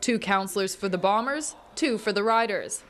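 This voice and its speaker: A woman's voice: medium pitch, moderate pace. A woman with a Canadian accent narrating a scripted TV news report.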